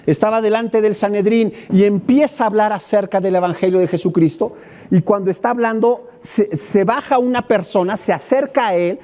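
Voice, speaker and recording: A man's voice: high voice, moderate pace. A middle-aged man with a Mexican accent preaching a sermon, acting out scenes and asking rhetorical questions. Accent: Mexican Spanish. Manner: animated, acts out scenes, asks rhetorical questions. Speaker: pastor.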